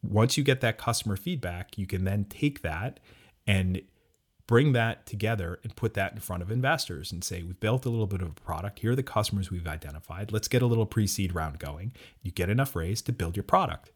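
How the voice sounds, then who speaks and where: A man co-hosts a podcast, chatting casually and reflectively, rambling a bit and restarting his sentences. His husky, lowish voice moves a little fast with lively intonation.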